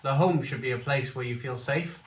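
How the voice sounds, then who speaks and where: A man giving a casual, unscripted review at home, talking haltingly and repeating his phrases. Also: medium pitch. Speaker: food and beer reviewer. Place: home conservatory. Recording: roomy echo, faint background noise.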